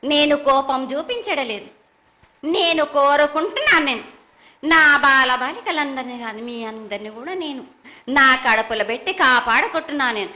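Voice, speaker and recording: A woman's voice: high voice, expressive, normal speed. A woman with a Telangana accent speaking in a prophetic trance voice as an oracle of the mother goddess, insistent, commanding and repetitive. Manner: insistent, commanding, repetitive, addressing devotees as children. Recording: dull lo-fi sound.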